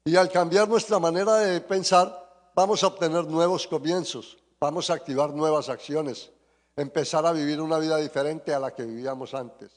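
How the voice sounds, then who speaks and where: A man's voice: a little high, fairly even intonation, normal speed. A man preaching a sermon and praying fervently, often repeating his appeals to the Lord. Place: church sanctuary. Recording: long church reverb.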